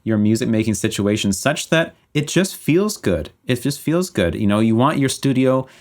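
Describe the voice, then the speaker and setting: A man's voice: mid-range voice, expressive, moderate pace. A man in his thirties hosting a podcast, chatting casually and thinking aloud with many restarts. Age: 30s. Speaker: podcast host. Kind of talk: casual conversation.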